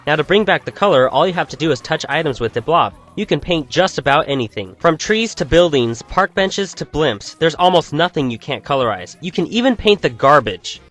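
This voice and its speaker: A man's voice: a little high, animated, fairly quick, few pauses, a bit bright. A man reading out a scripted, enthusiastic video game review. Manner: upbeat, enthusiastic.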